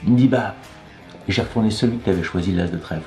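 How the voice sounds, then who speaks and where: A man's voice: on the low side, fast talker. A man presenting a trick by telling, casually and wryly, how it was played on him, sounding unimpressed. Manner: dry, wry, unimpressed retelling. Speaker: magic dealer presenting a trick. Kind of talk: casual storytelling. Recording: echoey room with faint music.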